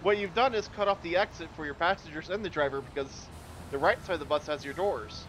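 A man's voice: on the high side, quick pace, a bit bright, slight background noise. Teasing man on a gaming call. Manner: teasing, giggling commentary. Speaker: co-op gaming friend. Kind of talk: casual gaming chat.

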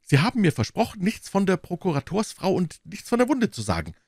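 A man doing a fretful, squeaky-high innkeeper. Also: huge pitch swings, brisk, a little mellow, slightly rough, no room sound, clean studio sound, exaggerated voice. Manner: pleading, fretful. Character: anxious, fussy male innkeeper owed money.

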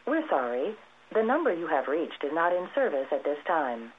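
A woman's voice: low voice, big pitch swings. A woman reading a formal recorded phone message, played back over a telephone line. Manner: slow, evenly paced formal announcement. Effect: recorded intercept message played over a phone line. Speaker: telephone intercept announcer. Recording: tinny phone line with faint hiss.

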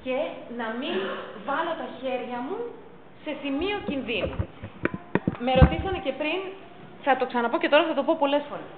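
Woman teaching a crowd, animated voice, tinny lo-fi sound w/ a bit of hiss. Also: high-pitched. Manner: emphatic, repeats key points. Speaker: first aid instructor. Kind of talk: public talk on pet first aid. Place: council chamber.

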